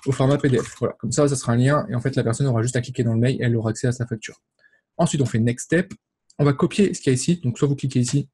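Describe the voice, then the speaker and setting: A man walking viewers through a software setup in a casual screen-recorded tutorial, explaining step by step with frequent fillers. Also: mid-range voice. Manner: casual, explanatory, many fillers and verbal ticks. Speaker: e-commerce tutorial host.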